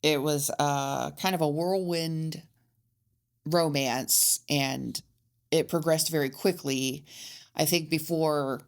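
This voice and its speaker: A woman with a deep voice co-hosts a casual true-crime podcast, telling the case slowly and in a steady tone. She reads out the case facts with hesitant fillers.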